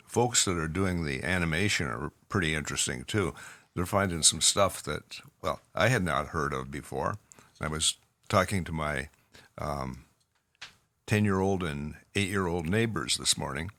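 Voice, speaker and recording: A man with a Canadian accent co-hosting a podcast in casual chat, pausing often on fillers as he talks. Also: low-pitched, pushed and bright. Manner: halting, with many fillers. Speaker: podcast co-host, clinician.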